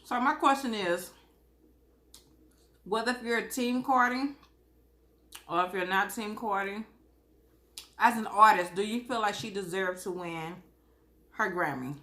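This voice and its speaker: A woman talks to her viewers in a folksy, expressive way while eating fried chicken. Her mid-pitched voice is casual and chatty, broken up by savoring hums as she eats. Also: unhurried, long pauses. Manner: folksy, expressive, chuckles often. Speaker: mukbang vlogger.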